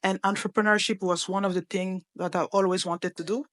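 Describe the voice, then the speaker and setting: A woman's voice: mid-range voice, level tone, a little fast. Woman, startup founder, panel talk, earnest, hesitant. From Cameroon. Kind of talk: panel discussion.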